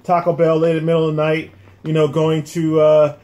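A man's voice: fairly high pitch, monotone, fairly quick, dark tone, highs cut off. A middle-aged American man hosting a casual food review, often repeating his phrases as he goes. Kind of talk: casual chat. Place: small room indoors, at a table. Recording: clear background noise and clicks.

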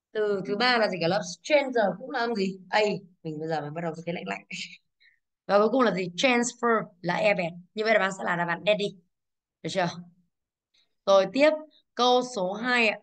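A young woman teaching English to a class, going briskly through exam answers and asking the students over and over whether they follow. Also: mid-range voice, fairly bright tone. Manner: brisk, scolding, checks understanding with rhetorical questions.

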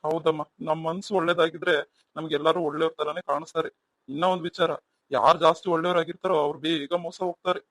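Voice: medium pitch, fairly even intonation, fast, fairly bright tone, no echo, natural voice. A performer voicing an elderly, wise grandfather in a cartoon, speaking in a fond, fatherly way. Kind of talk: cartoon voice acting.

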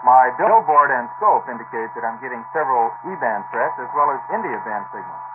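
A man speaking as a pilot in a scripted 1960s training film, formally reciting procedure, heard through low-quality old film audio. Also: animated, fairly quick. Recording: tinny, hissy old film soundtrack with hum.

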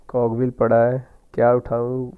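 A man's voice: medium pitch, clear, resonant tone, narrow, tinny audio. A man with a sore throat, muttering casual gameplay commentary as he plays and taunts the game character. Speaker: gaming YouTuber.

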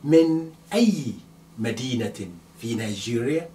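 Lively Nigerian man teaching. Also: mid-range voice, recorded from a distance, slight background noise. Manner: lively, repeats phrases slowly and emphatically. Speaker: Arabic teacher. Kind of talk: language lesson. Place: small indoor room by a whiteboard.

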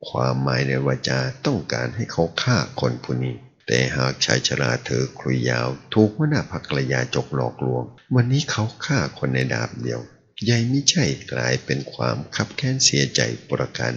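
A man narrates a serialized martial-arts novel in an extremely deep, gravelly voice. His pitch moves in a lively way through the story. The recording is dull and lo-fi. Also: moderate pace. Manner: animated storytelling. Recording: dull lo-fi audio.

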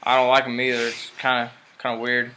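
A man's voice: medium pitch, completely flat delivery, brisk, sharp tone, a little hiss or hum, low-quality recording. A young man with dip in his lip, rambling casually through a product review with lots of fillers and a mumbled delivery. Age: young adult. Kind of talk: casual vlog chat.

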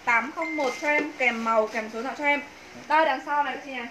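A woman in her thirties with a Northern Vietnamese accent, giving a persuasive, emphatic sales pitch on a clothing livestream. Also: fast. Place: small indoor clothing shop room. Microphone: phone a few steps away. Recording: roomy echo, faint background noise.

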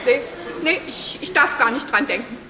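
A woman's voice: high-pitched, normal speed, background noise, natural voice. An actress playing a dramatic, self-pitying woman whose partner has left her, in a stage comedy, talking in a breathless, tearful gush. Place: theater stage. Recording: echoey theater hall with audience laughter. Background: audience laughter.

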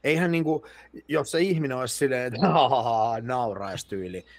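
A man's voice: mid-range voice, no room sound. A man as a podcast guest, talking earnestly and restarting his sentences as he agrees. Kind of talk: casual podcast conversation.

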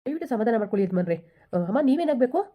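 A firm village policeman grills the family with rapid questions, played by a woman. The voice is mellow and dark, slightly high. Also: animated. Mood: questioning. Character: stern village police officer, man.

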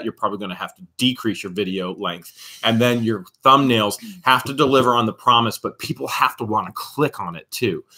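Bright-voiced man explaining with emphatic gestures. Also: mid-range voice. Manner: emphatic, explaining, mimics other people's reactions, gestures a lot. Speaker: co-host of a live Q&A show. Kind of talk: live-stream Q&A chat. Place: small home studio room.

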